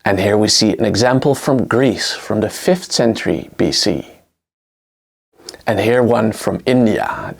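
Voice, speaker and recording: Gravelly, slightly rough, and lowish, this man's voice delivers a scripted history lesson. He lectures in history and is a native Dutch speaker with a Dutch accent, narrating in an explanatory manner with lively intonation.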